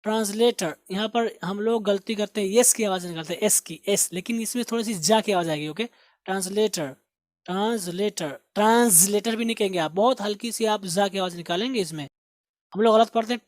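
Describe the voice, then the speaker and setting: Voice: medium pitch, darkish tone, dry recording. Teacher, patient and repetitive, recorded close and dry. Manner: explains slowly, repeats words for pronunciation. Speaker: English teacher. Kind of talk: spoken grammar and vocabulary lesson.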